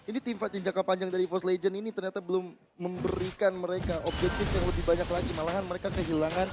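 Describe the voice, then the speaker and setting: A man's voice: sits high, little pitch movement, quick pace, a crowd in the background. A man with an Indonesian accent giving live esports match commentary as part of a casting team.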